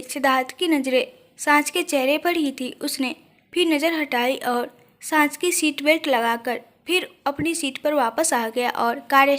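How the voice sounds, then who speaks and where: High-voiced woman narrating a story. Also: fairly bright tone.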